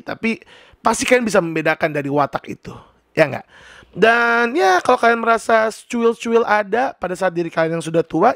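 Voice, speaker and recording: A man explaining personality types in a chatty, animated, casual vlog. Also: high voice, no room sound, clean studio sound. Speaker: personality teacher.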